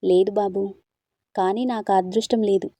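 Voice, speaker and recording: A kindly old grandmother in a storybook, gentle and fond, voiced by a woman reader. The voice is mellow and warm, and the recording is dry and close. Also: medium pitch, fairly even intonation, normal speed, dry recording, lightly acted. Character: kindly old grandmother, soft-hearted and sad.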